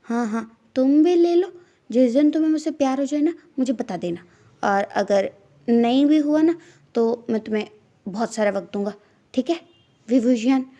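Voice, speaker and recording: A woman voicing a calm young man who softly reassures his bride-to-be. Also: sits high, normal speed. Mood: gentle. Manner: soft, reassuring. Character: calm gentle young man, patient groom. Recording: dull lo-fi dry recording.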